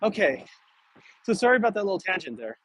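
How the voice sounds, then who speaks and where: Chatty American man streaming outdoors, higher-pitched voice. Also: big pitch swings, fast, fairly bright tone. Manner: chatty, easygoing, reads out viewer comments and answers them. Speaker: live streamer. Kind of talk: casual live-stream chat while walking. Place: outdoors on city streets, walking. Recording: outdoor background noise while walking. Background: outdoor ambient noise.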